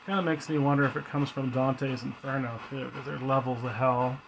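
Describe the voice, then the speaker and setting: Guy doing a spirit session at home, average pitched voice, just chatting and asking the spirits stuff. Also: little pitch movement, a little fast, creaky, heavy background noise. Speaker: paranormal investigator hosting a spirit box session. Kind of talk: casual musing, asking questions to spirits.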